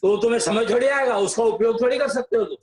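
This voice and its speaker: A man's voice: extremely high pitch, quick pace, a little mellow. A man explaining tradition in a casual discussion, insistent and lecturing. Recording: echoey room.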